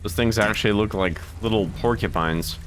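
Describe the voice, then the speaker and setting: A man giving casual gameplay commentary as a streamer, thinking aloud in a relaxed way and swearing now and then. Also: fairly low pitch, moderate pace, slight background noise.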